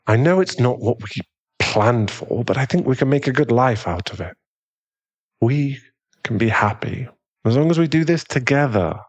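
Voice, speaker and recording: Husky and genteel, a British-accented man voices a gentle, protective werewolf fiancé of aristocratic standing for a calming ASMR boyfriend roleplay. Here his mid-range voice sounds natural and animated at a moderate pace.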